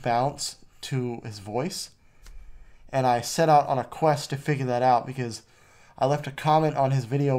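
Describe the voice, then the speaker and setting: A man's voice: medium pitch, a little mellow. A man recorded too close to the mic, hosting a casual vlog voice-over in a rambling, jokey way. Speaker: vlog host.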